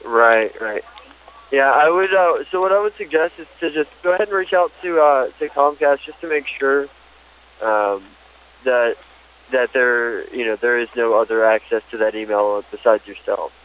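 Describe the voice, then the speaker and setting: Male call center agent, medium pitch, informal and halting, reassuring the customer over the phone. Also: a bit bright, clear, resonant tone, rough recording.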